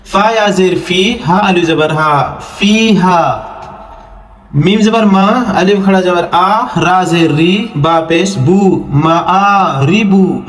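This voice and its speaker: A man teaching Arabic letter reading for the Quran, spelling out each letter and vowel, then stretching the syllables slowly before quick, low spoken explanations of the rules. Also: reverberant. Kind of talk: online Quran reading lesson.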